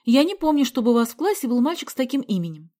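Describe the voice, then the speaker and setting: Storybook mom, worried and reproachful, pitched high and mellow, put on by a woman reader. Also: very animated, fast talker. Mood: puzzled. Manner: exclaiming, reproachful. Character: anxious scolding mother, middle-aged woman.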